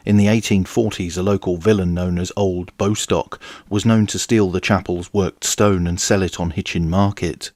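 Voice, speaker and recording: Man, forties, very low voice, dry close voice-over, measured documentary narration. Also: fairly even intonation, darkish tone, dry recording. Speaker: history channel host.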